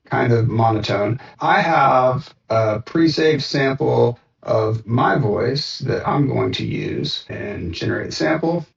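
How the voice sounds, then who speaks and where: A man's voice: mid-range voice, slow, gravelly, hardly any pauses. A man casually walking through a screen-share demo of his app, thinking aloud with frequent "uh"s and restarts. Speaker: software developer demoing his app. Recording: roomy, distant and dull sound.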